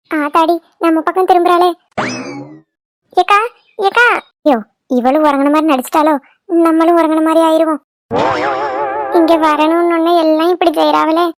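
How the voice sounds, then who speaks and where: A woman's voice: very high-pitched, dry recording, studio quality. A woman voicing a chatty, fretful older village mother-in-law in a cartoon.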